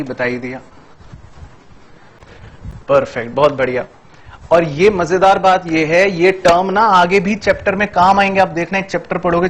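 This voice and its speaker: एक पुरुष अकाउंट्स शिक्षक छात्रों को पढ़ा रहा है, छोटे-छोटे किस्सों और संवादों से उदाहरण देकर समझाता है।. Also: male voice, on the high side. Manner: playful storytelling, acts out little dialogues for students. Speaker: accounts teacher. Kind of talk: classroom lecture with story examples.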